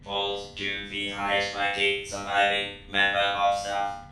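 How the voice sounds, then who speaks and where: A man voicing a stern male security robot that makes clipped, monotone announcements. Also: on the low side, a little slow, natural voice. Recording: echoey, with loud music behind.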